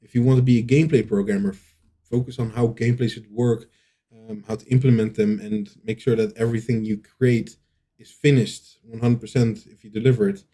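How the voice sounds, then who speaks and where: Man, lead dev in a casual Q&A, mellow dark tone, halting delivery full of ums and restarts. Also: medium pitch, fairly even intonation. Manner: hesitant, many fillers and restarts. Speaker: lead game developer. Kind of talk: casual Q&A answers.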